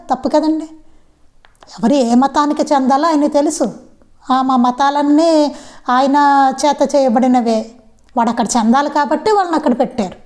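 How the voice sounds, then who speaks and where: A woman with a high voice and a darkish tone gives a devotional satsang talk. She poses rhetorical questions and repeats the key lines over and over.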